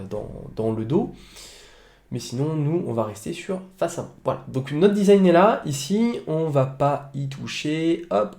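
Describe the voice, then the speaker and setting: Young guy doing a screen tutorial at home, lots of ums and restarts, mellow tone, roomy echo. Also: medium pitch. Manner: hesitant, many fillers and restarts. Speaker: online business tutor. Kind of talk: screen-recorded software tutorial. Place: home office with a noisy computer.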